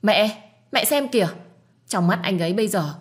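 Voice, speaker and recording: A whining, spiteful young sister-in-law who wails and accuses at the top of her voice, as a woman storyteller puts her on. Shrill and pushy, she pours fuel on every quarrel. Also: lively intonation, moderate pace, close to an everyday voice. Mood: accusing. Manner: whiny, accusing, loudly crying.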